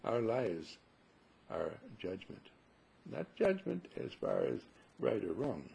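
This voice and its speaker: A man delivers a spiritual talk in a very husky, gravelly voice that is mellow and dark, sitting on the low side with huge pitch swings at a slow pace. He teaches by posing rhetorical questions and repeating phrases emphatically to drive each point home.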